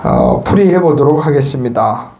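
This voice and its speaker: A man's voice: mid-range voice, expressive, moderate pace, gravelly. A man, a Buddhist monk, giving a Sunday dharma talk in a temple hall, chatty and teasing his listeners. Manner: chatty and joking, teases the listeners, shouts chants to demonstrate. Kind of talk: sermon.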